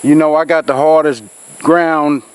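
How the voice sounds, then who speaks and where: A man from Georgia, nasal with a cold, talks to a camera on a tripod out in a country field, rambling folksily and filling gaps with fillers as he hosts his outdoors channel. His fairly high voice is clean and steady in tone, a little slow, though the recording itself is rough.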